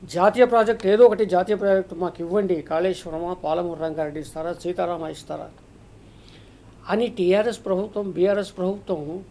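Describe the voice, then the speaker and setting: A man's voice: high voice, fairly even intonation, brisk, warm tone, slight background noise. A man arguing his point as a political commentator on a televised debate, emphatic and argumentative, stopping now and then to tell a parable. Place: TV news studio or remote link.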